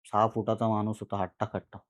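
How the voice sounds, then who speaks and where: A man recounting a first-person horror experience in a podcast conversation, animated and repetitive with dramatic pauses. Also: on the low side, dry recording, studio quality. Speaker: guest storyteller.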